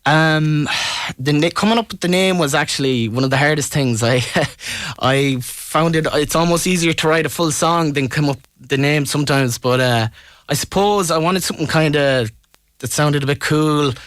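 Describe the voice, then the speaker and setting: Clear-voiced west of Ireland man, casual. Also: fairly high pitch, normal speed, fairly bright tone, no echo, clean studio sound. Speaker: musician being interviewed. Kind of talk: casual radio interview.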